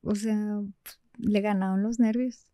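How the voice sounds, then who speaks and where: A woman with a Mexican accent, a podcast guest telling a personal story in an animated way that drops to a hush when she quotes others. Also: mid-range voice, slow pace, clear, resonant tone.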